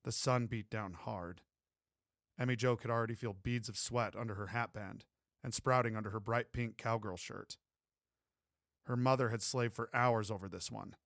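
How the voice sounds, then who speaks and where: A man narrating a romance audiobook in a steady, even storytelling way. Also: lowish voice, normal speed, vocal fry, dry recording, clean studio sound. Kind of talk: scripted narration.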